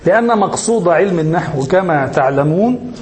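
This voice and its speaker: High-voiced sheikh lecturing in an echoey hall. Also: male voice, expressive, darkish tone, a little hiss or hum. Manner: asks questions and lets listeners finish them; slow, deliberate, repeats key terms. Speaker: sheikh teaching Arabic grammar. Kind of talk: classroom lecture.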